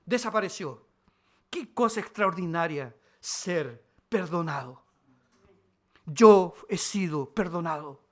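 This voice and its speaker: A man with a Chilean Spanish accent preaching a sermon as pastor, swinging between loud declarations and quiet asides. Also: a little high, animated, slow pace.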